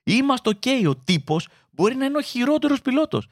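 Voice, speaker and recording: A man's voice: no echo, studio quality. A young adult man doing a comedic monologue, acting out quoted voices as he tells stories. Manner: animated, acts out quoted voices with big pitch jumps. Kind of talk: stand-up style comedic monologue.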